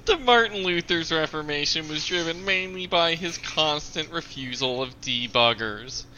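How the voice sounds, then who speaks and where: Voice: mid-range voice, moderate pace, highs cut off, very noisy, natural voice. A person doing a pompous pedantic nerd. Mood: lecturing. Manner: stiff, lecturing, overly formal.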